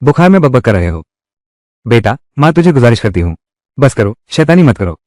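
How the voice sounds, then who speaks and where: A man's voice: mid-range voice, big pitch swings, fairly quick, darkish tone, no echo, clean studio sound. A man dubbing a family drama, voicing every role himself in a dramatic manner. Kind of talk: Hindi-dubbed drama, one voice for all roles.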